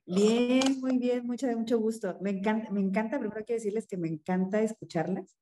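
A woman's voice: on the high side, fairly quick, warm tone. Chatty, self-deprecating woman. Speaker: club member, master of ceremonies. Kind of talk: casual chat on a call.

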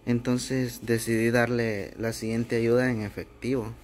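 A man's voice: medium pitch, little pitch movement, unhurried, slight background noise. A young man hosting a charity vlog, explaining things step by step to his viewers. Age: young adult. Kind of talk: casual narration to camera. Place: small bedroom, indoors.

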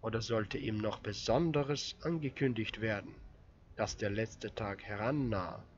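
A man narrating an audiobook in a steady, measured reading voice. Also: lowish voice, dull audio. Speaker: audiobook reader.

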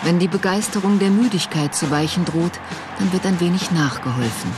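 A man's voice: sits high, fairly quick. A man reading scripted documentary narration in terse, clipped sentences. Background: loud music.

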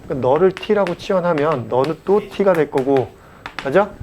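A man teaching a math class at a cram school, blunt and chatty, joking and mock-scolding his students and checking in with quick questions. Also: on the high side, lively intonation, darkish tone, a little hiss or hum. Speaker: math tutor.

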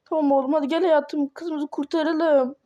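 A woman's voice: high-pitched, fairly even intonation, moderate pace, mellow, dull audio, lightly acted. A woman voicing a worried mother who fusses over her family and calls them darling, in a toy game role-play. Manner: fussing, calls everyone darling.

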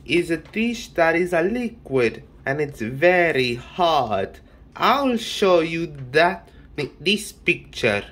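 A man's voice: on the high side, big pitch swings, slow pace, fairly bright tone. A man hosting a comedy sketch in a playful, mock-dramatic way, quizzing each country in turn.

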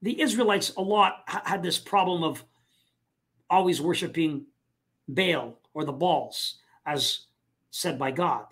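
A man hosting a live online talk show, speaking casually with many fillers and pauses. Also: on the high side, fairly bright tone. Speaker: host.

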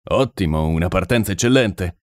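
A man voicing a calm, unflappable detective who speaks without hurry. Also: deep voice, no room sound, clean studio sound. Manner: calm and unhurried.

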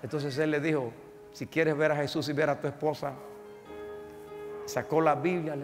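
A man preaching a sermon as pastor, telling a story dramatically, swinging from shouts to hushed tones. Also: fairly high pitch, fairly even intonation, normal speed, big-room sound, music in the background. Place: church sanctuary.

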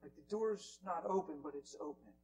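A man preaching in a church, telling a story with sudden drops into whispers and bursts of loud exclamation. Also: a little high, brisk, a little hiss or hum. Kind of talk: sermon storytelling. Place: church hall.

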